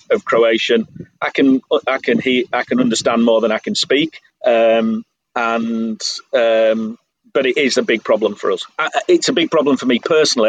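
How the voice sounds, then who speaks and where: A middle-aged English man talking candidly as an interview guest, measured and self-deprecating. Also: medium pitch, slight background noise, rough recording. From England. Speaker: guest, business owner abroad. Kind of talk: interview conversation.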